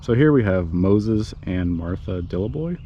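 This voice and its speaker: In an unhurried yet animated low voice, a man gives a casual narrated history tour of a small neighbourhood cemetery for his vlog, hushed so he won't wake the neighbours. Outdoor background noise comes through a slightly muffled recording.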